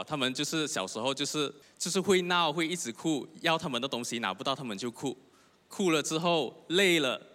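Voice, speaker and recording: A man's voice: mid-range voice, pushed and bright. A young man, preaching a sermon. He tells his own story earnestly and keeps asking the congregation questions. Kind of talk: sermon with personal testimony. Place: church hall. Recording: long hall reverb.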